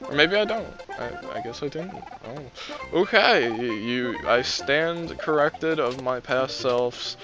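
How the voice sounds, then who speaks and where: A young let's play commentator rambles casually over his gameplay, wry and self-deprecating, while music runs in the background. His mid-range voice is expressive and slow-paced, and it sounds strained from a long stretch of talking.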